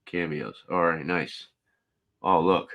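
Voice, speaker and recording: Low, bright-voiced man chatting about beer. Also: takes it slowly, creaky, lo-fi sound. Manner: relaxed, chatty, reads can labels aloud. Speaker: beer review host. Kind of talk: casual live beer review chat.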